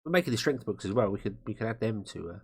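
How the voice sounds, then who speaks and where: Talking rapid-fire over guitar music, a game streamer rambles and thinks aloud as he plays and gives live commentary. His voice is on the low side, creaky and husky, with lively intonation.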